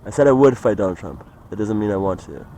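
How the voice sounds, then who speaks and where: A young man with a lowish, mellow voice rambles through a casual monologue, trailing off and padding his talk with "like" and "you know". He sounds recorded outdoors, with faint traffic noise behind him. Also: lively intonation, fast talker, poor audio. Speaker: vlogger.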